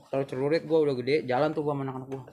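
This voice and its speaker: A young man, a guest telling a story in a casual interview, animated and full of street slang. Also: mid-range voice, racing. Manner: animated slangy storytelling, acts out quoted voices.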